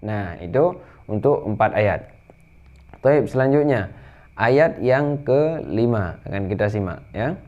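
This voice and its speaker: A man teaching tajwid, explaining rules briskly and then reciting verses slowly in a higher chant. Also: expressive, lo-fi sound.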